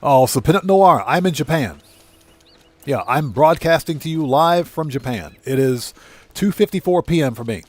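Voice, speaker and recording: A man's voice: on the high side, lively intonation, moderate pace, darkish tone, no echo. A man hosting a live game stream, chatting casually with viewers and repeating himself for emphasis, over game noise.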